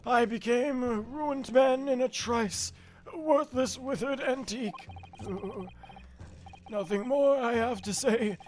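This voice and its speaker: A man's voice: very high-pitched, pitched above the performer's own voice. A man voicing a very old antiques dealer in a game, with an aged voice and florid, melodramatic delivery. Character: very old excitable male antiques dealer, theatrical. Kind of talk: game dialogue read-along acting.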